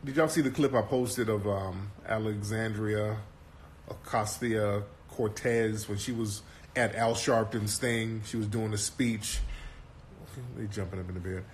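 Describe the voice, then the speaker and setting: A man's voice: fairly low pitch, steady tone, unhurried, a little hiss or hum. A man hosting a casual commentary talk in a brash, mocking and profane way. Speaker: host.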